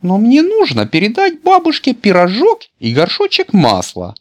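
A man doing a squeaky little fairy-tale girl. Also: wildly swooping pitch, normal speed. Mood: naive. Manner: polite, chatty.

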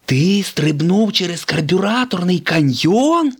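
A man's voice: high voice, lively intonation, takes it slowly, creaky, a little mellow, husky, voice pushed up, exaggerated voice. A man voicing a young male race car in a storybook reading, asking raised, surprised questions. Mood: astonished. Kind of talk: storybook character voice.

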